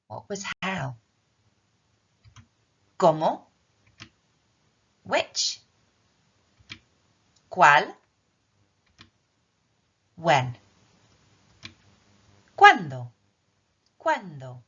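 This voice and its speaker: A woman teaching key words in a recorded language tutorial, drilling them slowly with repeat-after-me lines. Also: deep voice, very animated, vocal fry, breathy edge. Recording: dull lo-fi recording.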